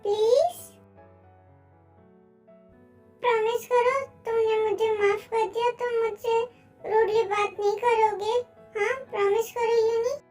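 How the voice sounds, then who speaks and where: A woman's voice: very high voice, steady tone, moderate pace, a little mellow, soft background music. A woman voicing a clingy young girlfriend who pleads and whines in a fan-dubbed story. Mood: hurt. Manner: pleading, whiny.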